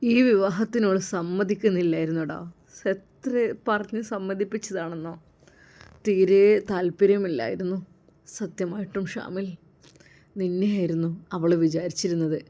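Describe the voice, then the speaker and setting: A woman voicing an affectionate young man, a caring elder brother who coaxes gently. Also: on the low side, fairly even intonation, normal speed, close to an everyday voice. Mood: sorrowful. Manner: tender, coaxing.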